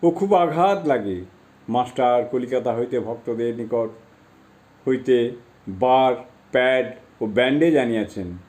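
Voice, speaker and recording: A man reads a devotional text aloud at a measured, reverent pace. His voice is mellow and warm, sitting at an ordinary pitch. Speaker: reader.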